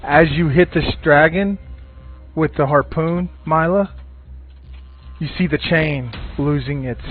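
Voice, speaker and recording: A man narrating a tabletop game as game master, describing the scene in a loose, storytelling way with frequent restarts. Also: medium pitch. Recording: phone-like audio with faint music.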